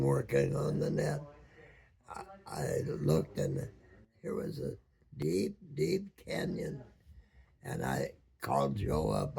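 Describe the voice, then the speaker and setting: A very old man, over a hundred, a former boat captain reminiscing in a halting way, searching for words with long pauses and many ums. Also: medium pitch, warm tone. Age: over 100, very old man. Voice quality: very aged, gravelly, husky voice. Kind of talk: slow reminiscing storytelling.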